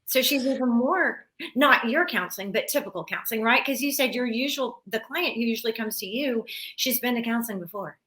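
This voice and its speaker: A woman's voice: on the high side, fairly quick, fairly bright tone. A woman hosting an interview, talking in an engaged, conversational way and building on her guest's points. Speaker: interview host.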